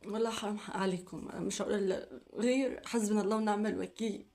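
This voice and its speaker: Young woman, Egyptian Arabic accent, emotional vlog, upset, repetitive pleading, rapid delivery. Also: medium pitch, steady tone, darkish tone. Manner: upset, repeating herself, pleading questions. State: coughing fits, upset. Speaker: vlogger.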